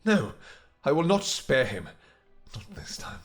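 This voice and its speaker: A man's voice: fairly high pitch, sing-song, unhurried, soft background music, voice pushed up. A man voicing a lovesick, possessive and menacing vampire king in a romantic fantasy audio roleplay, intense and dramatic. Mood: furious, desperate. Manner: intense, dramatic, swinging from snarls to whispers.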